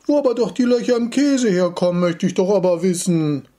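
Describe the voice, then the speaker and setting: Guy doing a high whiny little kid, pushy and stubborn, voice jumps all over, a bit husky. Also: animated, fairly quick, dark tone. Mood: whiny insistent. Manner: pleading, insistent questions. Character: curious stubborn little boy, whiny and insistent.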